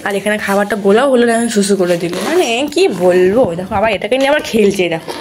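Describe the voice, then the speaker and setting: Fast-talking chatty young mother vlogging. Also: mid-range voice, expressive, a little mellow. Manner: rambling, chatty, with many restarts and fillers. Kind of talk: casual chatty vlog talk to viewers.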